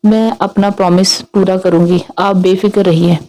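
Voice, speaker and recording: A woman's voice: medium pitch, little pitch movement, moderate pace, warm tone, close to an everyday voice, rough recording. A woman voicing a blunt, suspicious young woman in a read-aloud story.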